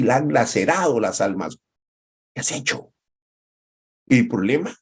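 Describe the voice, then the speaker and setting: A man's voice: medium pitch, mellow, breathy edge. A male pastor preaching a devotional sermon, impassioned and urgent, firing rhetorical questions and repeating words for emphasis.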